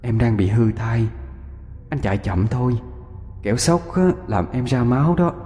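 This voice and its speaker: A young woman's ghost in a spoken ghost story, as a male narrator puts her on. She murmurs softly and slowly. Faint music lies beneath. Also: mid-range voice, expressive, long reverb tail, natural voice. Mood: mournful.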